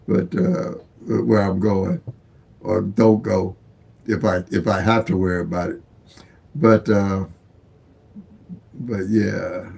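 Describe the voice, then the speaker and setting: Older guy in his 70s chatting on a livestream, gravelly and kinda husky, lowish voice, rambles and restarts a lot. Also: dark tone. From St. Louis, USA. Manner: rambling, repeats and restarts words; plain-spoken, folksy. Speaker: lottery livestream host. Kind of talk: casual livestream chat.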